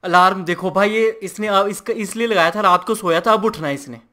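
A man's voice: sits high, brisk, bright, forceful tone. A man hosting a gaming channel, chatting and teasing his friend during casual gameplay banter. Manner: teasing, joking.

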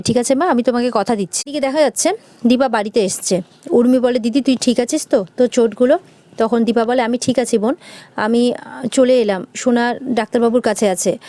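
A woman briskly retelling a TV serial episode, reading the characters' lines lightly in her own voice. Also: fairly high pitch, a little mellow, dry recording. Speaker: serial episode recap narrator. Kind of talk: retelling a TV episode with quoted dialogue.

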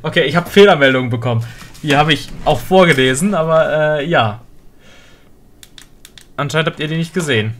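A woman's voice: sits low, brisk, long pauses. A woman streamer chatting casually, reading game text aloud and asking her viewers questions. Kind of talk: casual live game commentary.

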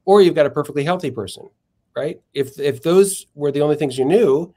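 As a guest on a podcast interview, a man explains philosophical arguments in a measured, methodical manner, often correcting himself mid-phrase. His voice is fairly high and mellow.

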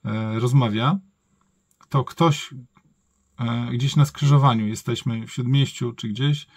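A man with a low-pitched-to-middling, creaky voice walks through a gadget in an informal review. He thinks aloud and corrects himself as he goes. The sound is close and dry, with a husky edge. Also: takes it slowly, dry recording. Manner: thinks aloud, colloquial, often self-correcting. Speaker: product reviewer. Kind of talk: casual hands-on gadget review, improvised.

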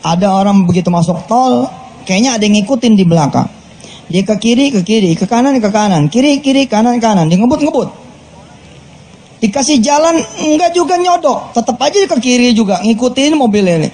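A man preaching a lively sermon, telling animated stories and acting out voices in casual street slang. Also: fairly quick, slight background noise. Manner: animated storytelling, acting out voices with big pitch swings.

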